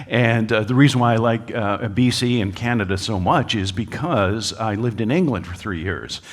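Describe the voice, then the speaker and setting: A man's voice: fairly low pitch, normal speed, in a large hall. A man giving a public lecture to a live audience, folksy and joking, with frequent filler uhs. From United States. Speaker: speaker at a creationist talk. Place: lecture hall.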